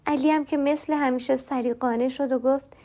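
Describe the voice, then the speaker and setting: A woman's voice: high-pitched, steady tone, dark tone. A woman narrating a first-person story in a confiding way, acting out the other people's lines as they come up. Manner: confiding, voices other characters in dialogue.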